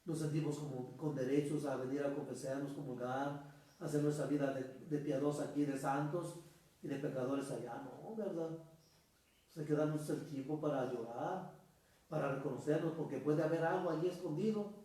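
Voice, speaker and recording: A priest, a man, delivers a storytelling sermon and speaks to his congregation as brothers. His voice sits a little high yet sounds dark and mellow. It is picked up from far off, with strong church echo all around. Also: fairly even intonation, moderate pace. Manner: storytelling, addresses listeners as brothers.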